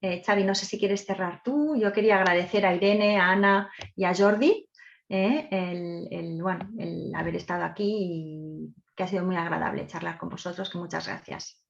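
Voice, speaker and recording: A woman moderating a round-table discussion, speaking warmly and hesitantly with many fillers. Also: fairly low pitch, steady tone, normal speed, creaky, highs cut off.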